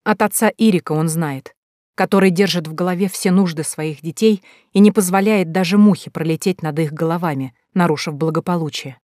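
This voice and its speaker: An audiobook narrator giving measured, scripted narration. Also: mid-range voice, darkish tone, dry recording, clean studio sound.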